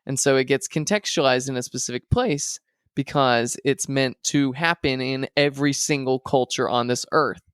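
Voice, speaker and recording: A man's voice: medium pitch, normal speed, a bit bright, clear, resonant tone, no echo, clean studio sound. A young man, a seminary student, co-hosting a casual podcast with friends, talking in a playful, easygoing way. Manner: playful, hypes things up in a mock announcer voice.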